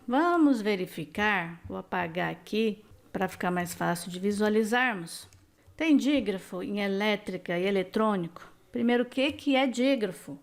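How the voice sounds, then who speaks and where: A woman teacher walks through exam questions one at a time and keeps checking in with the listener. Her pitch sits in the middle range for a woman. She explains each point patiently and plainly. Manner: explains step by step, often asks the viewer "né?". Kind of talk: exam-prep lesson.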